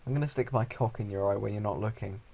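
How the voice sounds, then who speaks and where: Young let's-play host, sarcastic reader, deadpan crude commentary. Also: male voice, lowish voice, quick pace, creaky. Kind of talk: reading a visual novel aloud with commentary.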